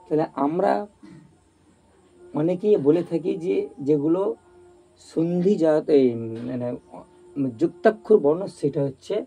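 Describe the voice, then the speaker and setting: A man's voice: on the high side, dark tone, breathy edge, poor audio. A man teaching a grammar video lesson, explaining step by step, repeating his points and asking if everyone has understood. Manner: checks that viewers understand.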